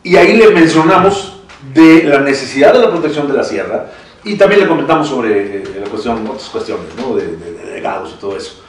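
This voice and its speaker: A man's voice: mid-range voice, animated, a little fast, slight background noise. A man with a Mexican accent in a panel discussion, talking with many restarts and chuckles. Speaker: citizen council member. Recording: echoey room from far off.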